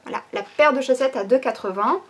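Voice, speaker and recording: Speaking briskly in a high-pitched voice, a woman presents new items from her online shop. She's casual and chatty throughout, hesitating often and using many fillers like "ben" and "euh."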